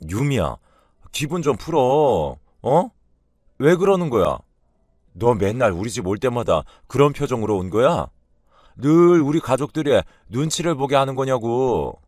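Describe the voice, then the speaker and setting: A man's voice: medium pitch, big pitch swings, measured pace, darkish tone, dry recording, studio quality, voice pushed up. A man voicing an irritated young husband nagging his wife, in a read-aloud story.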